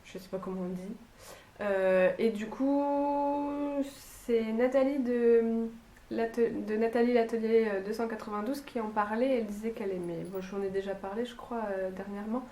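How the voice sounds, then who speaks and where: A woman with a northern French Lille accent talks casually to camera at home, her voice a touch high. She chats in a hesitant way, with many fillers and restarts. The room sounds echoey. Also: fairly even intonation, normal speed, dark tone. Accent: Lille, northern France. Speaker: sewing and knitting vlogger. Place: room at home with a bay window.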